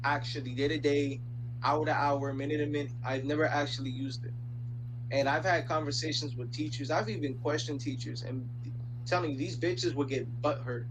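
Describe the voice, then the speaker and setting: A man's voice: fairly high pitch, fairly even intonation, normal speed. A young man from the Dominican Republic ranting casually in a video chat, slangy and profane, rambling with lots of fillers. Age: young adult. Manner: slangy, swears a lot, rambles with many fillers. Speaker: random video chat stranger. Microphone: video chat computer mic. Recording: video chat audio with loud background hum.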